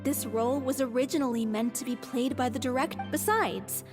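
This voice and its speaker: A woman voicing an earnest young stage performer in a video game, sincere and a touch hesitant. Her voice is high, with long reverb and clear music behind. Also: brisk, lightly acted.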